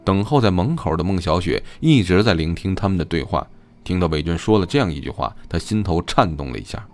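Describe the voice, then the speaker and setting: A man narrating an audiobook story in a steady, scripted storytelling delivery. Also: sits low, brisk, soft background music.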